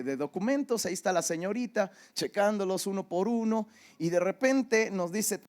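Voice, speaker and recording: Preaching a sermon, an older man with a Mexican Spanish accent shares a personal story in a chatty, storytelling way, frequently tossing in "¿verdad?" His voice is high with a darkish tone, and he is a pastor.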